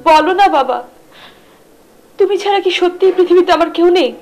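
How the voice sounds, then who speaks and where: A woman's voice: extremely high pitch, fairly quick, a little mellow, faint music behind. A young actress playing a distressed daughter who pleads tearfully with her father in a TV drama. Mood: pleading. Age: young adult. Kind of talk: TV drama acting.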